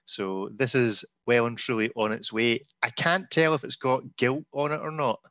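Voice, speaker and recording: A man's voice: medium pitch, steady tone, moderate pace, sharp tone, no echo, dull audio. A man hosting a casual group chat, teasing and leading the conversation. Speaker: podcast host.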